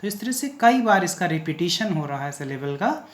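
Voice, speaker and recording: A man's voice: sits high, very animated, normal speed. A male teacher from India explains grammar and keeps posing questions to the class and answering them himself. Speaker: English teacher. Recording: echoey room.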